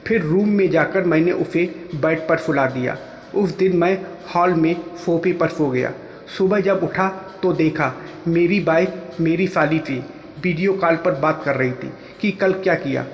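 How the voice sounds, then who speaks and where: A man's voice: on the high side, a little slow. Man narrating a story in an echoey room. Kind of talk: first-person story narration. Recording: echoey room with long reverb.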